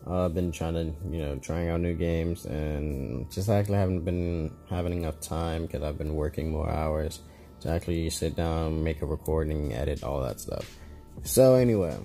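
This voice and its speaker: A gaming YouTuber with a dark bass voice and vocal fry talks casually through a card game for his channel at a normal speed. He's chatty and rambling, laughing at his own slips, with faint music in the background.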